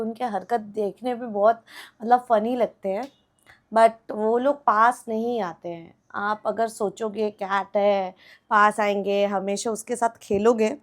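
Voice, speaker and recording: A young woman talks to her pet cats in a soft, doting baby voice. Her tone sits high, and she drags her words out slowly. Now and then she turns to her viewers with casual asides before going back to playful scolding. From India. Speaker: vlogger.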